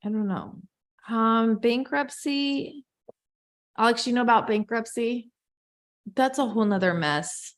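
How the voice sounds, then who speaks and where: A woman's voice: a little high, measured pace, long pauses. A woman leading a real estate group video call, talking in a loose, chatty way and often correcting herself. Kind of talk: casual coaching on a video call.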